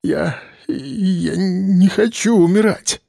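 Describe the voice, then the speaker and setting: A panicking police captain shrieks in a high, cracking voice, as a man plays him. He stammers and yells, close and dry. He is a nervous wreck with a gun. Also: sing-song, a little slow, no echo, exaggerated voice. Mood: desperate. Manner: shrill, screaming and stammering.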